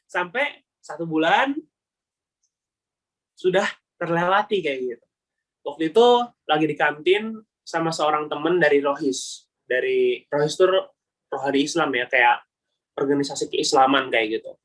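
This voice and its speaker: A young man giving a casual webinar talk, slangy and animated, acting out the voices of people in his story. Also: fairly high pitch, unhurried, pauses often. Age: young adult. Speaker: webinar speaker.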